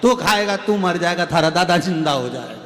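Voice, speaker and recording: A man voicing a calm, teasing old guru who makes mock-earnest offers in a low, slow voice. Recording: roomy hall reverb, faint music.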